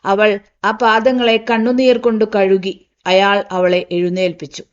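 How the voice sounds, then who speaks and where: A woman narrates a literary novel in a slow, measured and solemn voice. She lets each sentence settle before the next one. The sound is slightly dull and lo-fi. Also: medium pitch, level tone, clear, resonant tone.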